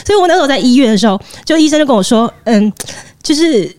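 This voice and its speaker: Woman podcast host, Taiwanese Mandarin accent, quick animated storytelling, dry close sound. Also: high-pitched, no room sound. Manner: animated storyteller, acts out quoted speech. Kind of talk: personal storytelling chat.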